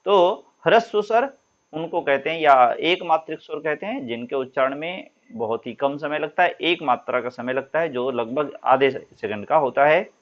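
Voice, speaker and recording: A man's voice: fairly high pitch, normal speed, muffled recording. A man teaching Sanskrit grammar in a classroom style, patiently explaining and drawing out example sounds for students. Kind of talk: classroom lesson.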